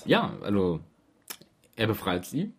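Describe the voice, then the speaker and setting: A man's voice: lowish voice, huge pitch swings, slow, over loud music. A man co-hosting a casual podcast chat, eager and given to stumbling repeats. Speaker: podcast co-host. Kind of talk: casual chat reviewing a radio play.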